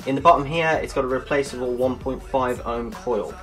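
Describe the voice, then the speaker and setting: Bloke chatting through a gadget review, jokey, mid-pitched, bit of music faint behind. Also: male voice, a little fast, a bit bright. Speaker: product reviewer. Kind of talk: casual product review.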